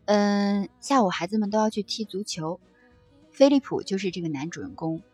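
A woman reading passages from a book aloud and reflecting on them in a gentle, conversational way, with soft fillers between thoughts. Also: mid-range voice, expressive, normal speed, breathy edge, soft background music. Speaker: book-sharing presenter.

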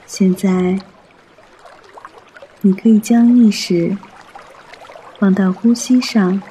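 Male meditation guide: soft, soothing, mellow delivery at a very slow pace, trickling water behind. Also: high voice, fairly even intonation, slight background noise.

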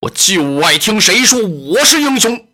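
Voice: medium pitch, big pitch swings, measured pace, bright, forceful tone, exaggerated voice. A storyteller voicing a hot-headed, blunt male warrior who blurts out whatever he thinks in traditional storytelling. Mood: brash, blunt.

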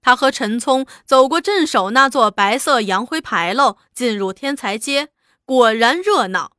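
A woman narrating a serialized novel in an expressive, lively storytelling manner. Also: a little high, unhurried, clean tone, no room sound, studio quality. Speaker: audiobook narrator.

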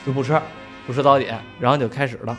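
A man's voice: mid-range voice, fairly even intonation, fast, fairly bright tone, soft background music. A man telling a story in casual chat, swearing freely and laughing along.

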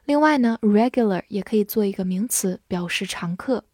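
A woman teaching English vocabulary, spelling words letter by letter and reading examples slowly and clearly. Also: medium pitch, lively intonation, warm tone, dry recording, clean studio sound. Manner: clear and patient, drawn-out model readings.

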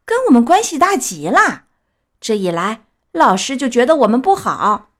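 A woman voicing a gang of rude, mocking schoolboys in a storybook reading, shrill, jeering and shouty. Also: very animated, moderate pace.

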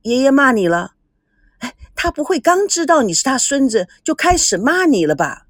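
A woman voicing a chatty, cheeky young girl who talks in a perky, teasing way, with a breathy, dry sound. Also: high voice, very animated, moderate pace, no echo, voice pushed up.

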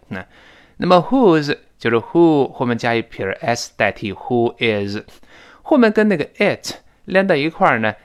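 A man teaching English in a recorded lesson, explaining phrases and drilling pronunciation, speaking. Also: medium pitch. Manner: lively, repeats and drills phrases slowly.

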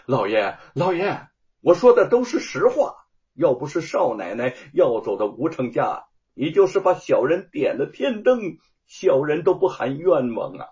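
A male storyteller playing a servile thief who begs loudly and whines to his master. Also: fairly high pitch, sing-song, unhurried, pitched above the performer's own voice. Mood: pleading. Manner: pleading, then gloating. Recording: dull lo-fi audio.

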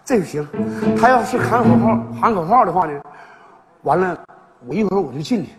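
A man's voice: high voice, fairly quick, over loud music. A man, performing sketch comedy in a teasing, laughing manner. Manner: animated, teasing, often laughing. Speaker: comic actor playing a father. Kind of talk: northeastern Chinese sketch comedy. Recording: live stage, hall reverb, audience.

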